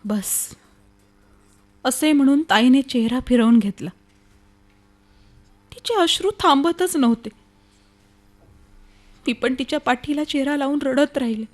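An actress in an old-style radio play as an anguished young woman grieving for her sister, speaking in an emotional, halting, dramatic way. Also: high voice, expressive. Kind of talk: radio play acting, old radio show manner.

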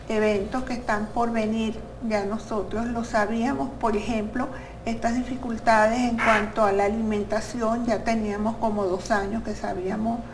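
A woman's voice: on the high side, poor audio. A woman in her sixties from Venezuela with a Venezuelan accent, answering earnestly as a guest in a studio interview on a lapel mic. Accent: Venezuelan Spanish. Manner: earnest, explanatory, starts with "a ver". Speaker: interview guest, spiritual channeler. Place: TV studio with green backdrop.

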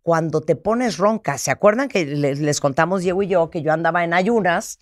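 Mexican woman hosting radio, low and dry. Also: moderate pace, no echo. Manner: lively, colloquial, chatty storytelling. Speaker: radio host. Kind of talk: radio talk show hosting. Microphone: studio microphone.

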